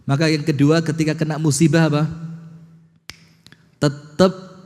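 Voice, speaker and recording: A man preaching a sermon to an audience in an animated style, throwing questions at his listeners. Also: fairly high pitch, a little slow, in a large hall.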